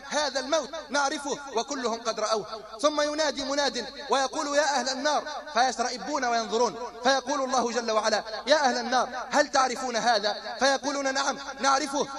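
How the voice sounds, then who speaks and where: A male preacher giving an impassioned sermon, driving his points home with repeated rhetorical lines. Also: very high voice.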